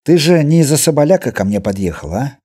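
A man's voice: on the high side, very animated, quick pace, mellow, breathy edge. A man reading the lines of a blunt, practical male expedition leader asking direct questions.

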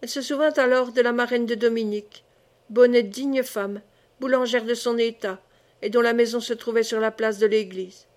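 Slow, dramatic woman audiobook reader. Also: fairly high pitch, fairly even intonation, a little mellow. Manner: slow, deliberate, dramatic reading. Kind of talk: scripted narration of a historical novel.

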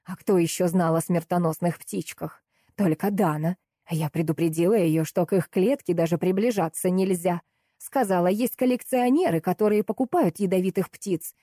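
A woman reading an audiobook, voicing a cruel, greedy older woman who speaks slowly and with cold contempt. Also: on the low side, warm tone, dry recording, clean studio sound, close to an everyday voice. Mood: contemptuous. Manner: contemptuous, slow and hissing.

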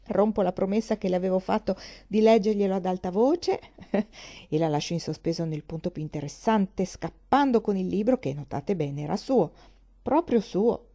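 Woman reading as a witty, teasing young gentleman. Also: medium pitch, lively intonation, normal speed. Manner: playful, ironic.

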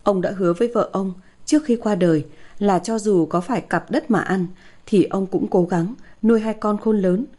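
A woman storyteller reading a sad village tale in a steady, plaintive way. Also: medium pitch, moderate pace. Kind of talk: scripted narration of a folk tale.

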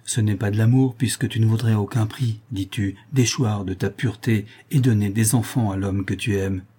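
A man's voice: lowish voice, steady tone, moderate pace, mellow, slightly rough. A man reading aloud and voicing a composed married woman who scolds firmly and reproachfully. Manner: firm, reproachful.

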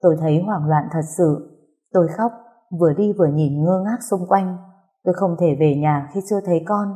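Brief: woman audiobook narrator, low mellow voice, earnest emotional first-person storytelling. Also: fairly quick.

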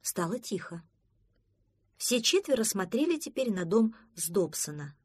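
A woman reading a children's storybook aloud with expressive storytelling. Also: mid-range voice, unhurried, slightly rough, no echo. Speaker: narrator.

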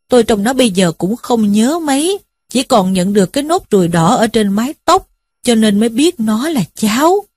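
A woman's voice: a little high, darkish tone, dry recording. A woman voicing a shrewd middle-aged village headman who scolds in a commanding way.

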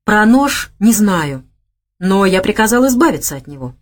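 A woman voicing a boastful, quick-tempered gangster man in an audiobook. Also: medium pitch, sing-song, voice pushed up. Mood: gruff. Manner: gruff, boastful, blustering.

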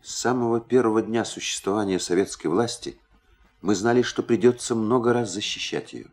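Low-pitched solemn male documentary narrator. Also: brisk, darkish tone.

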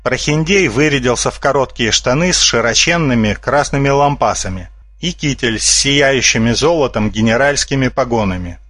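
A man narrating a humorous children's audiobook in a steady storytelling manner. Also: medium pitch, normal speed, no echo.

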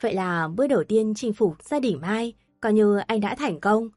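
A woman narrating an audio story with steady, even storytelling. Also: mid-range voice, moderate pace, no room sound, soft background music.

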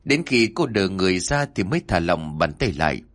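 A man narrating a dark story in an expressive, emotional way. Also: deep voice, a little fast.

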